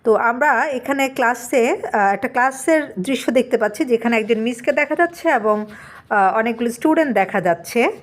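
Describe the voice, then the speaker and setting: A woman's voice: on the high side, moderate pace. A woman, teaching an English lesson, explaining step by step with many small fillers and frequent check-ins. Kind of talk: classroom lesson explaining a textbook.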